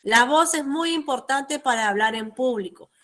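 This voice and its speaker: A woman's voice: high-pitched, moderate pace, fairly bright tone. A young adult woman teaching a class, explaining step by step and often checking in with tag questions. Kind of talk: online class lecture.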